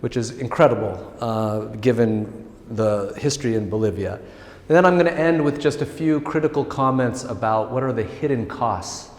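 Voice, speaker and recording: A man's voice: mid-range voice, normal speed. An American man from California giving an informal academic lecture, friendly and self-deprecating, with frequent restarts. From California, United States. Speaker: guest lecturer. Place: large public hall. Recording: roomy hall reverb.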